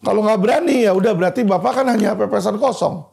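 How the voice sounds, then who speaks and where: A man's voice: sits high, fast, creaky, darkish tone. A man speaking as a lawyer, delivering a heated legal commentary and repeatedly addressing an official as "Pak," in a manner. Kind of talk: impassioned legal commentary video.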